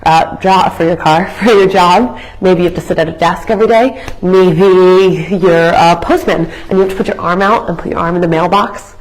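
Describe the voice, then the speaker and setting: Her voice is raspy and on the low side, hoarse as she recovers from illness, with a steady tone, a moderate pace and hardly any pauses. The young woman teaches a live workout class, chatty and educational, often restarting sentences and using fillers. The recording is rough.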